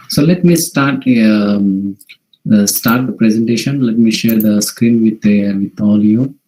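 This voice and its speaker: A man from India, a native Marathi speaker with a Marathi accent, gives an informal online presentation in a halting way, often repeating and rephrasing. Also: lowish voice, dark tone, poor audio. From Maharashtra, India. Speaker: workshop presenter. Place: video call.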